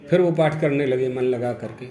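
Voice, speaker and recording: An older man, a religious storyteller, retells a devotional tale with quoted dialogue and chuckling asides. His warm, mid-range voice moves at a moderate pace, recorded in an echoey room with faint music.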